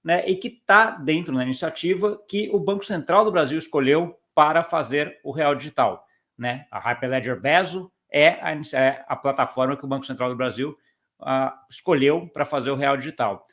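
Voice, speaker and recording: A man's voice: fairly high pitch, moderate pace, a bit bright. A man hosting an interview, chatty, with frequent tag questions and restarts. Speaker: interview host.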